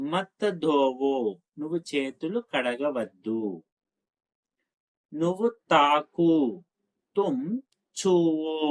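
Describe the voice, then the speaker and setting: A Telugu-speaking man teaching spoken Hindi, saying each phrase slowly and adding quick asides between the drills. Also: fairly high pitch, low-quality recording. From Telugu-speaking India. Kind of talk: spoken language lesson, slow drill phrases.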